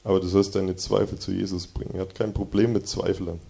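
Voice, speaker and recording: Man, preacher, low gravelly voice, dark tone, earnest conversational sermon. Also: flat delivery, a little fast. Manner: earnest, conversational, reads verses with more force. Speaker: preacher giving a devotion. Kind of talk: sermon with Bible readings. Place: church hall with slide projection.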